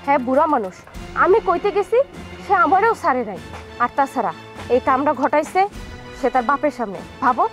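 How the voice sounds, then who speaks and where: A woman's voice: high-pitched, expressive, fairly quick, pauses often, fairly bright tone. An actress playing a young wife who complains about her sister-in-law, with a colloquial Bangladeshi Bengali accent. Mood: complaining. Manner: complaining, then placating. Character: young wife urging her husband to calm down. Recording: with faint background music.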